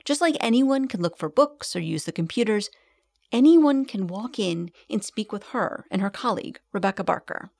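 A woman reporter reading a scripted radio narration in a measured, even delivery. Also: medium pitch, creaky, no room sound.

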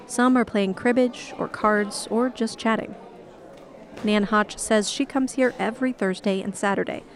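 Female news reporter, medium pitch, delivering scripted feature narration for radio. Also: fairly even intonation, a little slow.

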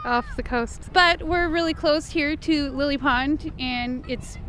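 A woman schoolteacher chatting outdoors, cheerful and quick to laugh as she explains. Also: sits high, a bit bright, a little hiss or hum. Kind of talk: casual explanation on location. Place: outdoors near a pond.

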